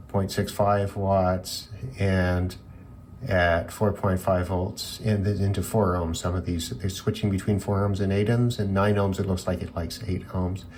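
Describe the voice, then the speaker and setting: A man with a deep, darkish voice speaks unhurriedly and with little rise or fall in pitch, over a faint hiss or hum. He's a hobbyist radio reviewer offering unscripted commentary while taking electronics apart, musing and tentative as he thinks out loud.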